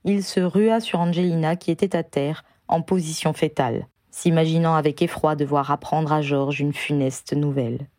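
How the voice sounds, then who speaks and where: Female audiobook narrator, measured and even, low pitched, warm dry tone. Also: no echo. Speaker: audiobook reader. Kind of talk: storybook narration.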